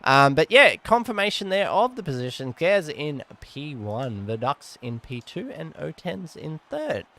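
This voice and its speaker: A man's voice: a little high, very animated, a little slow, hardly any pauses, sharp tone. A man giving casual, rambling live commentary on a sim race, often correcting himself.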